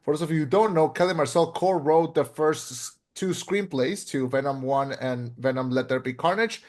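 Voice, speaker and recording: Brief: young male podcast host, slightly higher voice, blunt, casual, swears a lot. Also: moderate pace, a little mellow. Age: 20s. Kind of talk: casual movie review chat.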